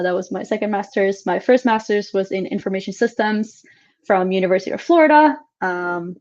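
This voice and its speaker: A woman's voice: medium pitch, highs cut off. A woman in her late twenties from Finland, introducing herself as the instructor of an online class in a casual, chatty way with many filler sounds. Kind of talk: casual classroom introduction over video call. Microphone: computer mic on a video call.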